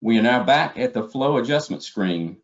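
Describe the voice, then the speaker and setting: Working through his slides methodically, step by step, this male webinar trainer has a mid-range voice with lively intonation and a moderate pace. The webinar recording sounds dull and lo-fi.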